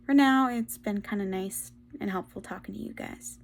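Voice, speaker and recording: A woman's voice: medium pitch, moderate pace, gravelly. A woman book vlogger chatting casually and enthusiastically, often breaking off and restarting her sentences. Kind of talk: casual vlog chat.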